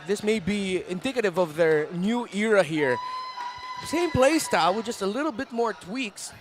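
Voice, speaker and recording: A man working as an esports caster, giving excited, emphatic live commentary on a game. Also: high voice.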